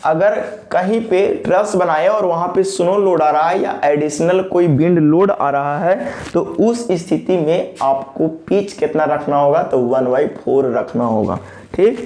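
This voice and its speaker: High-voiced man teaching, echoey room. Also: unhurried, mellow. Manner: asks questions and answers them himself, repeats key terms; mixes English technical phrases into speech. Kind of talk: recorded technical lecture.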